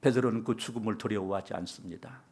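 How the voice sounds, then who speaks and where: A man preaching a church sermon, telling a story with acted-out dialogue and rising to loud exhortation. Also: fairly low pitch, fast, slightly rough. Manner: dramatic storytelling, acting out quoted dialogue, building to loud exhortation. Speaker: pastor.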